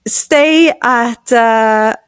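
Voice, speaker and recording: A woman's voice: on the high side, very slow, clean tone, dry recording. A woman hosting a podcast in casual chat, friendly, with slightly non-standard English phrasing. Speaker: podcast host.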